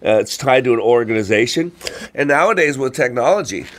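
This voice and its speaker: A radio show host and trainer with a mid-range voice, congested as if from a cold or allergies, talks in an animated, fairly quick, informal way. His motivational talk is full of rhetorical questions and frequent "you know" and "right?"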